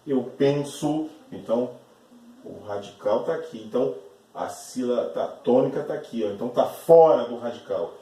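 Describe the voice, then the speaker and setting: Aula gravada num cômodo com eco, de um professor brasileiro de voz grave e mansa. A fala é pausada e didática, cheia de repetições e de um "certo?" constante. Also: male voice, medium pitch, warm tone. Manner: slow, repeats words, often checks with "certo?". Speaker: teacher. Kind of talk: classroom lesson explaining grammar. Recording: echoey room, voice from a distance.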